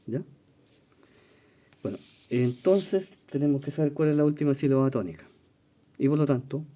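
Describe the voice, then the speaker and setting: A Chilean man with a very dark, mellow voice leads an exam-prep lesson. He explains each question patiently, thinking aloud, pausing on fillers and asking "¿ya?" as he goes. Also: medium pitch, slightly rough. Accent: Chilean Spanish. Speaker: teacher reviewing exam questions.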